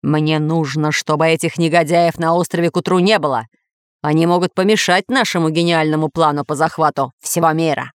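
A woman's voice: deep voice, fairly even intonation, brisk, clear, resonant tone, no room sound, studio quality, close to an everyday voice. A woman voicing a pompous, angry male villain lord in a children's audiobook, growling and snapping. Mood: furious. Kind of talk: audiobook character voice.

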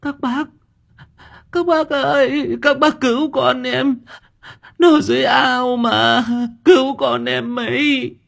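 A woman's voice: high voice, a little slow, creaky. A woman voicing a frantic village mother who is desperately crying out for her lost daughter in an audiobook. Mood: pleading. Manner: wailing, crying out in despair. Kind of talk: audiobook drama reading.

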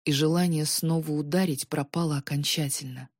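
A woman narrating a story in a measured, dramatic reading. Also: sits low, steady tone, no echo, clean studio sound. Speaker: audiobook narrator.

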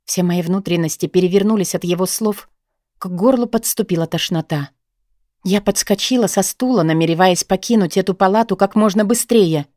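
A woman's voice: mid-range voice, a little mellow, no room sound, clean studio sound. A woman reading a novel aloud in first person, emotional and pleading in the heroine's dialogue. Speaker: audiobook narrator. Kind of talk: scripted first-person narration.

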